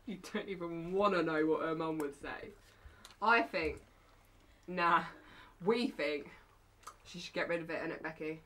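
A woman's voice: deep voice, unhurried, long pauses, fairly bright tone. A young woman playing a brash, cheeky seventeen-year-old girl who talks in slang and teases.

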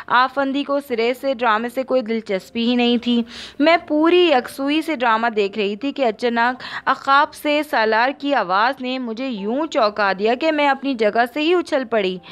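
High, smooth woman reading a novel. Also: fairly bright tone. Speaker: audiobook narrator. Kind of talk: scripted novel narration.

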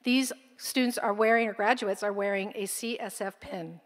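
At a graduation ceremony, a school administrator stands at a podium microphone on a large concert hall stage and formally announces academic honors. Her voice is mid-range with fairly even intonation at normal speed. Long hall reverb and a faint crowd are audible.

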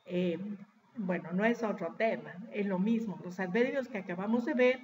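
A woman teaching English to children, talking slowly and carefully drawing out the English words she models. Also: mid-range voice, a little mellow, muffled recording, slight background noise. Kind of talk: recorded classroom lesson. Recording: echoey room.

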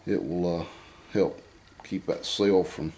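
A man's voice: deep voice, fairly even intonation, takes it slowly, warm tone. A man casually explaining an engine job as he works, thinking aloud and muttering to himself in a dim workshop. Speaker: home mechanic. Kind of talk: casual how-to demonstration.

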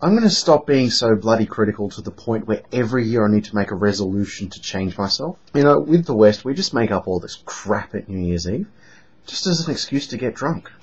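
A man's voice: fairly low pitch, brisk, husky. Sarcastic young Australian man. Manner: lively, mocking, emphatic. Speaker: vlogger. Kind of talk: sarcastic casual vlog monologue. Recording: dull lo-fi home recording.

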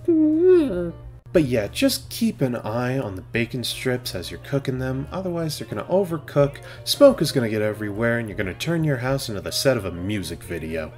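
A man's voice: medium pitch, moderate pace, faint music behind. Jokey young man narrating a cooking video. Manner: deadpan jokey asides, sudden bursts of exasperation. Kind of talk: comedic cooking voice-over. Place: home kitchen.

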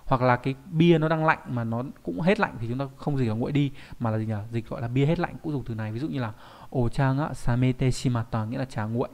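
Male teacher, recorded online lesson, explanatory, frequent checking questions, mid pitch. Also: quick pace, darkish tone. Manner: explanatory, often adds checking tag questions.

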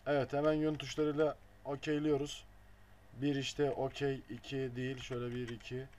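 Over the clatter of keyboard and mouse in a noisy home recording, a man runs through a casual screen tutorial, muttering as he clicks and dropping blunt jokes. His medium-pitched voice is a little mellow and fairly quick, with little pitch movement.

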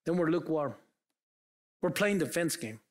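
A man's voice: fairly high pitch, lively intonation, normal speed. A man preaching a sermon as pastor, earnest and full of rhetorical questions put to the congregation. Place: church.

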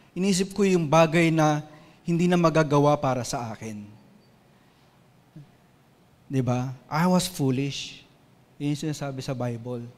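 A Filipino man delivers a heartfelt sermon, moving from gentle reflection to passionate emphasis as he shares his own story. His voice sits a little high for a man. The sound rings with the long reverb of a church hall. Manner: earnest, personal storytelling, rising to emotional intensity. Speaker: preacher. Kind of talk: sermon mixing Tagalog and English.

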